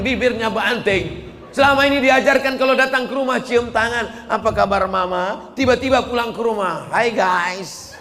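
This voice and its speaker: Animated male preacher in an echoey hall. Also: very high-pitched. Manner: animated, acts out dialogues, chants Arabic. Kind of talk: humorous sermon to a crowd. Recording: echoey hall, faint noise.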